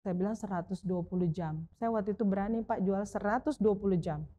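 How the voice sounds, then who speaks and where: A middle-aged woman, a veteran sports broadcaster telling stories in a casual interview. She talks in an animated way, acts out the voices of people she quotes, and keeps adding a polite "Pak" for the man she is talking to. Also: mid-range voice, a little fast, lo-fi sound, slight background noise.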